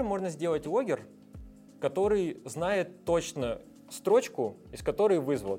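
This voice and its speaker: This male guest is a software developer whose voice runs fairly high with a warm quality. In a laid-back interview he talks through technical concepts at length, filling the gaps with frequent hesitation sounds.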